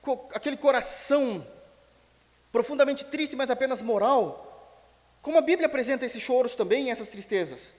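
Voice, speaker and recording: A Brazilian man preaching a sermon as pastor, telling a story in an animated way and acting out its dialogue. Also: very high voice, moderate pace. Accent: Brazilian Portuguese. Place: church sanctuary. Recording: long church hall reverb.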